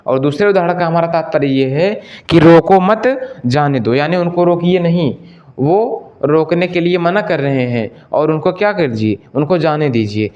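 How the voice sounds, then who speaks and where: A man's voice: fairly high pitch, darkish tone, highs cut off. A male Hindi teacher giving an exam-prep lesson, repeating each question to the class and then answering it himself, and addressing listeners as friends. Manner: stretches out example sentences slowly.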